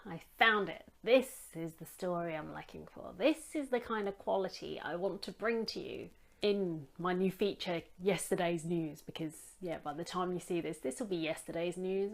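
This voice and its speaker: A woman's voice: mid-range voice, expressive, moderate pace. A woman from England vlogging casually from home into her phone's front camera, rambling and self-deprecating with a wry humour. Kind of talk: casual chatty vlog. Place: home room with daylight.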